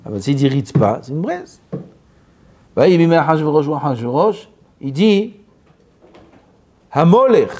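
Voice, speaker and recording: Animated man teaching a Torah lesson. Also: medium pitch, a little hiss or hum. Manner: animated, asks questions and drills pronunciation. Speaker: rabbi teaching.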